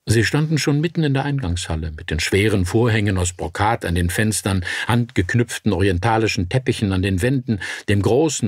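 A man narrating a dark fairy-tale audiobook in a measured, dramatic way. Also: fairly low pitch, husky, dry recording, clean studio sound.

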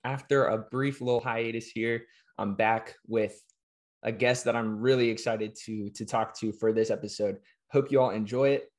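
A young man in his twenties hosts a podcast over a video call from a small room at home, conducting a casual interview. His voice is lowish and steady, and he's upbeat and friendly, offering quick affirmations, picked up by a webcam or laptop mic.

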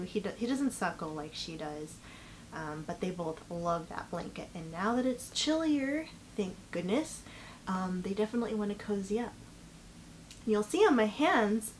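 A woman's voice: mid-range voice, poor audio. Young woman chatting while chewing gum. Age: young adult. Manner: chewing gum while talking, slightly mushy articulation. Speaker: knitting vlogger and host. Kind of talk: casual chat to camera. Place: indoor living room, seated by a couch. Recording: clear background room noise.

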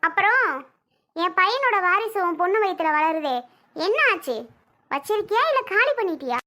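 A woman's voice: lively intonation, moderate pace, bright, forceful tone, full character voice. A woman playing a fierce, quarrelsome middle-aged mother-in-law who accuses and demands answers. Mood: angry. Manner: shrill, accusing.

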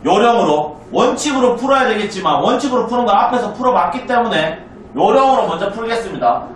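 Man, high voice, math teacher, classroom lecture, keeps asking students to confirm, echoey room, distant mic. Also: lively intonation, slight background noise. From South Korea. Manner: asks students frequent check questions, brisk and chatty. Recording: roomy classroom, mic far off.

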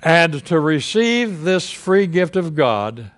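Speaking into the pulpit microphone of a church sanctuary, an elderly pastor gives a sermon in a slightly high, sing-song voice. His delivery is very slow and deliberate, with pauses used for emphasis.

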